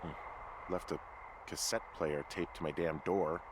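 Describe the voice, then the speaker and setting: An actor playing a weary fire lookout with a dry, deadpan manner in a video game. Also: male voice, deep voice, measured pace. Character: weary, dry-humored man alone in the woods. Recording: game audio with forest ambience noise.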